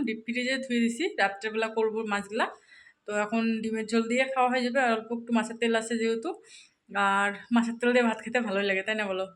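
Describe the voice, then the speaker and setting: A woman in her thirties with a colloquial North Bengal Bengali accent, chatting to viewers about cooking and housework at home. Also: a little high. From North Bengal, India. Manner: chatty, talks to viewers directly; speaks softly at times so a sleeping child stays asleep. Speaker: home vlogger, mother. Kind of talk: casual narration of chores. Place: home kitchen and rooms, indoors.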